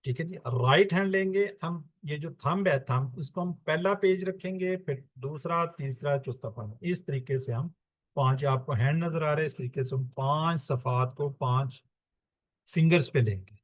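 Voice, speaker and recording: Man, fairly high voice, teacher, step-by-step, asks and answers own questions, dry close sound. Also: dry recording. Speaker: Quran course teacher. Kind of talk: classroom-style lesson explanation.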